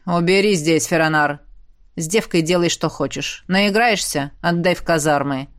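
A woman's voice: normal speed, lightly acted. A woman voicing a cruel, cold-hearted male emperor who wields ice magic. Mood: cold menace. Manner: low, cold and menacing.

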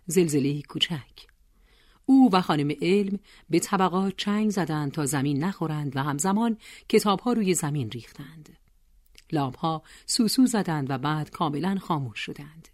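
A woman reading an audiobook in a soft, slow, poetic manner. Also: low-pitched, animated, no echo, clean studio sound. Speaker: audiobook narrator. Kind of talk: scripted narration.

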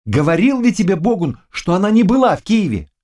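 A small knight speaks in a calm, firm voice set a little higher than plain speech, as a male audiobook reader puts him on. He stays steady and measured. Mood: questioning.

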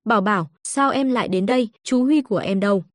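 A woman's voice: mid-range voice, quick pace, no room sound, studio quality, lightly acted. A woman voicing a worried, kindly male hospital director, in a plain, questioning way.

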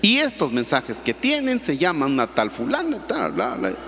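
A man's voice: mid-range voice, huge pitch swings, moderate pace, a bit bright, slight background noise, pitched below the performer's own voice. A man, a priest, acting out a stern wife who orders her cheating husband out of the house, in an echoing church. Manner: stern, commanding.

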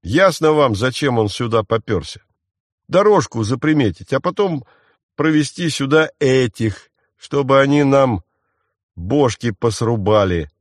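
A man's voice: mid-range voice, lively intonation, unhurried, vocal fry, no room sound, clean studio sound. A man reading an audiobook voices a suspicious, blunt young man who accuses bluntly.

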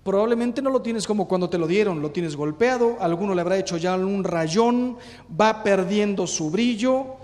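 A priest in his fifties giving a humorous talk on marriage, a lively storyteller. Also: sits high, moderate pace, long reverb tail. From Mexico. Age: 50s. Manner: lively storyteller who acts out jokes.

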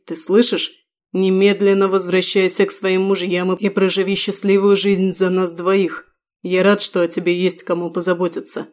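Bitter condemned prisoner, hollow and flat, in an audiobook, as a woman reads him. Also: on the low side, natural voice.

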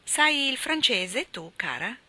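Cast: woman as a soft-spoken elderly aunt, slow and gentle. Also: on the high side, big pitch swings, pitched above the performer's own voice, full character voice.

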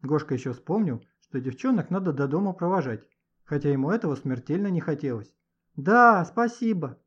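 Male narrator, scripted storybook reading, slightly high voice, muffled lo-fi recording. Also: fairly quick, husky. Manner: expressive, story-telling. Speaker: audiobook narrator. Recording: dull lo-fi recording.

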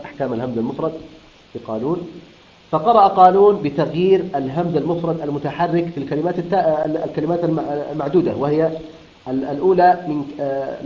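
A man teaching Quran recitation rules, explaining step by step, repeating terms and answering his own questions. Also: on the high side. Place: room of a Quran school. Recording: roomy, dull lo-fi room recording.

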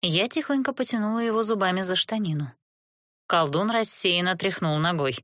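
Woman reading a fantasy audiobook, lowish voice, dry close recording, measured delivery. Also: fairly bright tone, no room sound. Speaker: audiobook narrator. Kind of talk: first-person fantasy audiobook narration.

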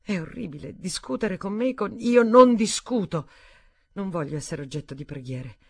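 A woman's voice: medium pitch, expressive, normal speed, gravelly, husky, no room sound, clean studio sound, voice pushed up. A woman reading an upset young woman, Stephanie. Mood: distressed. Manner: emotional, rising to near-crying outbursts. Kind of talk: audiobook dialogue reading.

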